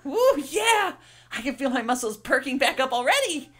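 A woman's voice: high voice, sing-song, normal speed, a bit bright, voice pushed up. A woman reading out a video game's timid young man who is too weak to lift a barrel and is training to get stronger. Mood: excited. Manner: breathless, bashful, then bubbly and grateful. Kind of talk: reading video game dialogue aloud.

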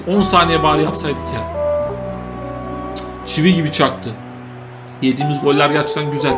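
A young man commentating his own football video game, shouting the play-by-play and grumbling in between. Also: a little high. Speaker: gaming commentator.

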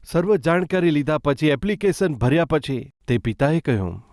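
A man preaches a sermon in a fairly high voice. He builds earnest emphasis and turns often to his listeners. The sound is dry and close, with no room echo. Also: expressive, normal speed, a little mellow. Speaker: pastor.

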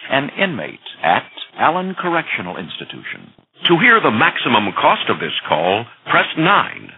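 A man's prerecorded operator announcement on a collect payphone call, delivered in a measured, formal way. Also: medium pitch, breathy edge. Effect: collect call prompt heard over a payphone line. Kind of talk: recorded phone system announcement. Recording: tinny phone line, faint hiss.

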